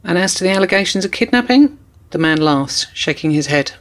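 A man narrating as a correspondent in a measured, formal documentary style. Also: high voice, lively intonation, a bit bright.

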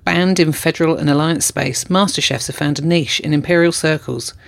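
A man reading scripted documentary narration as a correspondent, measured and formal. His voice carries a gravelly edge. It sits slightly high for a man. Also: fairly even intonation.

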